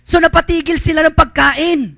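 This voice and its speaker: A man preaches at a church service in a very high, bright voice, moving between loud calls to the congregation and soft storytelling. He mixes English phrases into his Tagalog. The sound is dry and close, with little room echo. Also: steady tone, normal speed, creaky. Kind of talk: sermon.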